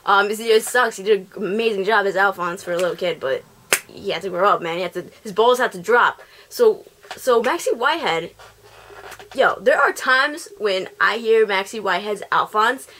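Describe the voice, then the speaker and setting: A woman's voice: medium pitch, a bit bright, a little hiss or hum. Chatty woman rambling on her vlog. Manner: chatty, rambling, often restarting words. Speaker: vlogger. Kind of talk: casual vlog commentary.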